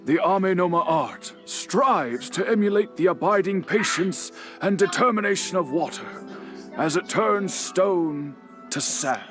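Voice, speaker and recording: An actor voicing a patient, dignified old male bladesmith in a video game, speaking in a measured, formal way. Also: high voice, expressive. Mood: calm. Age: older. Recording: game audio under music.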